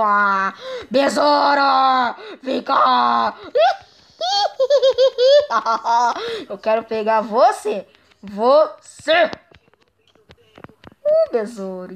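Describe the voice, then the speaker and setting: A young woman with a Brazilian Portuguese accent giving excitable, playful let's-play commentary, teasing and squealing as she plays. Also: high-pitched, slight background noise. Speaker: gaming YouTuber.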